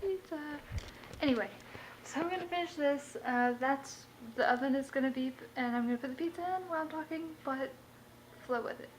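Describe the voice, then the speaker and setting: A woman's voice: high voice, fairly quick. A young woman talking casually in a rambling vlog monologue from her kitchen at home, full of fillers. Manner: rambling, chatty, many fillers. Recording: noisy home recording.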